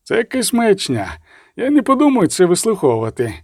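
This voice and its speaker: A man's voice: high voice, wildly swooping pitch, fairly quick, dry recording, clean studio sound, voice pushed up, exaggerated voice. A man voicing an irritable, imperious bishop in an audiobook. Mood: irritated. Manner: imperious, snappish. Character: irritable arrogant male bishop.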